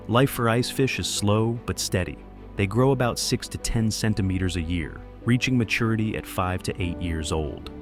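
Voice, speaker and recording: A man narrating a scripted nature documentary in a measured, solemn storytelling manner. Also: on the low side. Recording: music behind the voice. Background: background music.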